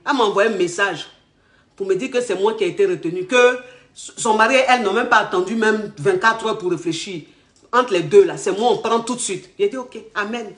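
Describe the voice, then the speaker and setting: A woman telling her life story in casual, animated speech, quoting the people she met. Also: mid-range voice, fairly quick. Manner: animated retelling with acted quotes. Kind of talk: personal storytelling. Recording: echoey room.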